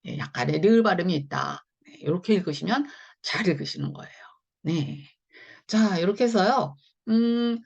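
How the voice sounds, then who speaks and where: Husky, gravelly woman teaching phonics. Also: mid-range voice, a little mellow. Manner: chatty, repeats "자" and "네" often, explains step by step. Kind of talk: explanatory online lesson.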